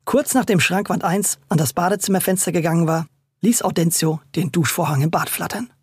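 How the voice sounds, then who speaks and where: A storyteller reading a scripted children's story in a lively, playful way. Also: mid-range voice, a little fast, breathy edge, no echo, studio quality.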